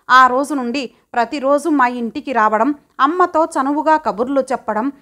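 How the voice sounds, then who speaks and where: A woman narrating a story in the first person in a steady, measured storytelling manner. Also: high voice. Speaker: audiobook narrator.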